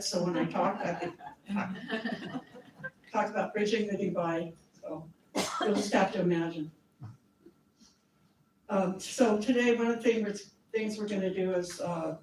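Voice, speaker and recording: This woman's medium-pitched, slightly mellow, scratchy voice comes across a distant mic in an echoey meeting room. Speaking off-mic, she gives a chatty, friendly informal presentation to a community meeting, sprinkled with fillers and small laughs.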